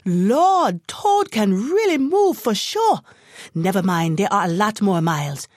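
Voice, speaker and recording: A woman voicing a boastful male donkey who brags loudly in a raised, high voice. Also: expressive, normal speed, no room sound, studio quality. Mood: dismayed. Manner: braying, bragging, raised voice.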